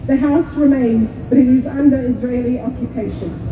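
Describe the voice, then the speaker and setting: A woman's voice: sits high, noisy background. Solemn woman speaking at an outdoor rally. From Kuwait. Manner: measured, solemn delivery. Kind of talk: prepared speech at a rally. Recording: echoey far-off PA with tinny sound.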